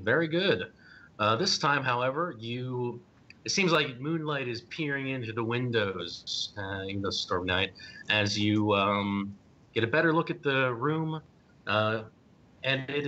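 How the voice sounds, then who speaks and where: A man narrating as game master, pausing often with ums and uhs as he describes scenes. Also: bright, forceful tone. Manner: hesitant, many ums and uhs. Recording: dull lo-fi stream audio with faint rumble.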